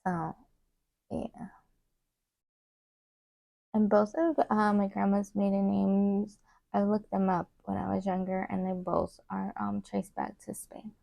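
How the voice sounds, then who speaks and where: A young woman chatting casually while doing her makeup, rambling with many fillers and trailing off into soft asides. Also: mid-range voice, level tone, takes it slowly, gravelly, pauses often, no echo. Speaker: beauty vlogger. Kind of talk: casual get-ready-with-me chat.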